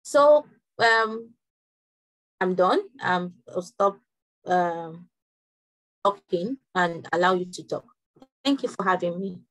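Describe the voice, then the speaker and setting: A young woman from Nigeria leading an online workshop class over a video call, talking quickly with frequent restarts. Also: on the low side, lively intonation, poor audio. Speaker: workshop instructor.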